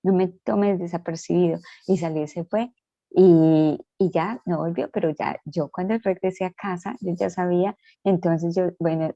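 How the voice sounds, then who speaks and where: Dark-voiced woman giving earnest testimony. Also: on the low side, no echo, muffled recording. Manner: earnest, reenacts her prayers in quoted speech. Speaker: guest. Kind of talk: personal testimony in a prayer talk.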